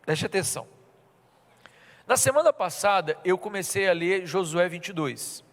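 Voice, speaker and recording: A man's voice: high voice, lively intonation, moderate pace, fairly bright tone. A man with a Brazilian Portuguese accent from Minas Gerais, preaching a sermon and telling a personal story, acting out the people in it. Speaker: pastor. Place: church. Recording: reverberant church hall.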